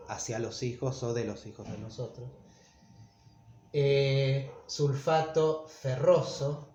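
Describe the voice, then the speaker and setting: A man's voice: medium pitch, a little mellow. A man teaching a casual video lesson, thinking aloud with frequent fillers as he goes. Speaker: Spanish teacher. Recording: echoey room, dull sound, faint noise.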